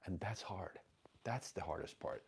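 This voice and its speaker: A man's voice: deep voice, unhurried, husky. A man, hosting a live stream and answering chat questions in a direct, emphatic, blunt coaching tone. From Finland.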